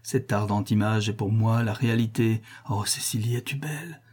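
A man voicing a delirious, tormented notary who cries out in shrill frenzy. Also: normal speed, darkish tone, breathy edge. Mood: furious. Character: delirious raving male notary, tormented and feverish. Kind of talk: audiobook character reading.

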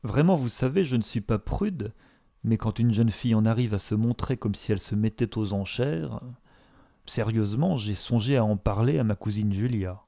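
A man's voice: on the low side, moderate pace, creaky, dark tone. A man voicing a prudish, blustering young society man in an audiobook. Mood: huffy. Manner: stammering, huffy.

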